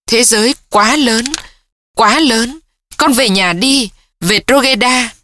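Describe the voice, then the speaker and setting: Woman doing a grieving mom in an audiobook, soft but firm, bright dry voice. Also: fairly high pitch, dry recording, voice pushed up. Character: grieving middle-aged mother, calm and steady.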